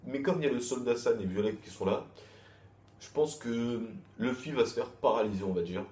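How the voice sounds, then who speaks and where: In an echoey room with faint background noise, a man reviews a manga chapter in a mellow, mid-range voice at a slightly fast clip. His talk is casual and repetitive, rambling along with frequent restarts and crude slang.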